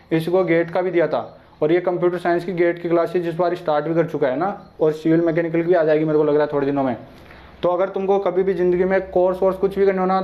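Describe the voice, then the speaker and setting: A young man teaching an online exam-prep lesson in a casual, chatty way, talking straight to his viewers. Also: high-pitched. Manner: chatty, addresses viewers directly and familiarly. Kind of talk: casual informal lecture. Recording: dull lo-fi sound.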